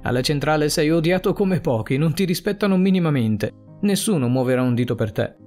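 A cold criminal speaks in a mocking, threatening tone, his voice slightly high, as a male storyteller reads him. Faint music plays behind. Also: animated, a little fast, darkish tone, close to an everyday voice. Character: adult male criminal undertaker, cold and taunting.

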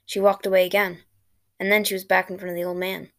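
Brief: woman storyteller, mid-pitched, a bit of vocal fry, steady delivery. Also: quick pace. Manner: steady reading of her own story. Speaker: podcast host and author. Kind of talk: storytelling narration.

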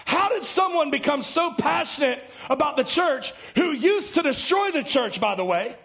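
A male pastor preaching a fervent sermon that swings between shouted peaks and hushed low passages. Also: vocal fry.

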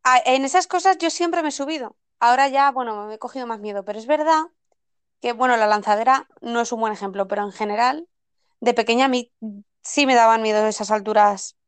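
Smooth-voiced woman, thoughtful chat. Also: fairly high pitch, fairly quick, dry recording. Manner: thoughtful, rephrases herself as she goes. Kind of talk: casual chat.

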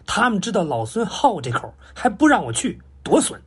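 A man voicing a hot-tempered male monkey king who talks fast and scolds. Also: high voice, big pitch swings, breathy edge, voice pushed up, heavily acted. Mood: indignant. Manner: quick, scolding, indignant. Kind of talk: comic storytelling.

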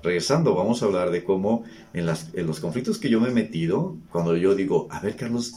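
Middle-aged male host, very low voice, chatty reflective monologue full of rhetorical questions. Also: lively intonation, a little fast, mellow. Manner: conversational, rhetorical questions, frequent restarts.

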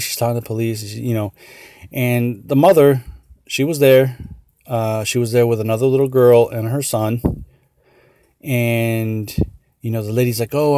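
A man's voice: medium pitch, darkish tone, no echo, clean studio sound. A man hosting a casual solo talk show, rambling with many fillers and restarts and growing earnest as he talks. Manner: earnest, gets worked up. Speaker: podcast host.

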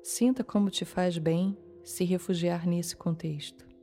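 A Brazilian woman leading a guided meditation in a calm, soothing manner, leaving long pauses between short phrases. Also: on the low side. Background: soft music.

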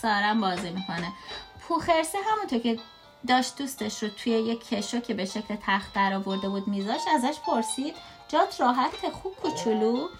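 A woman from Iran in her thirties reading a children's storybook aloud to her child, with expressive asides, music playing behind. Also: mid-range voice. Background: clear music.

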